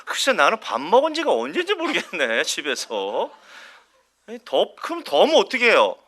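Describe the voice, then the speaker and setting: A man's voice: high voice, huge pitch swings, moderate pace, bright, forceful tone. A male pastor preaching a Sunday sermon at a church service. He talks animatedly, asks the congregation questions and acts out everyday quarrels with a chuckle.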